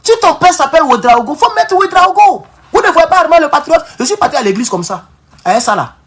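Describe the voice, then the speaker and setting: This political livestream host has a very high, fairly bright voice with big pitch swings and a brisk delivery, plus an African French accent. Speaking with fervor and emphasis, he repeats himself, restarts words, and repeatedly addresses the audience as comrades.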